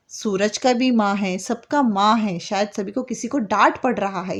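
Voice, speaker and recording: A woman teacher with an Indian accent, patiently explaining a poem to young schoolchildren in simple words and repeating points often. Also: mid-range voice. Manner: reads poem lines slowly and sing-song. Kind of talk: classroom lesson explaining a poem to children.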